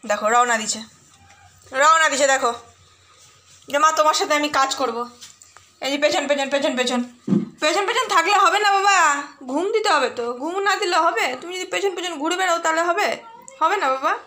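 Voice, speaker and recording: A woman's voice: sits high, moderate pace, long pauses, sharp tone. A young woman vlogging casually at home, chatting and cooing to her pet dog. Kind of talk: casual home vlog narration. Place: at home, indoors and outside.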